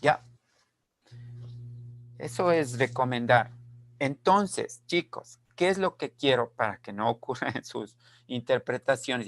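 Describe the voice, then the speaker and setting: A male teacher giving an online class over a video call. He speaks very slowly and deliberately, in a medium voice, repeats his key ideas and keeps asking whether everything is clear. The sound is dry and close. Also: mid-range voice, no echo. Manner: slow, deliberate, repeats key phrases and checks understanding.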